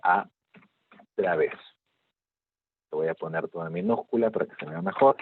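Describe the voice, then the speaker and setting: A man's voice: sits low, sing-song, moderate pace, gravelly, a little hiss or hum. Man teaching over a tinny call. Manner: explanatory, checks in with frequent "¿de acuerdo?". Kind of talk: online class lecture. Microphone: video call. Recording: tinny phone-like video call audio.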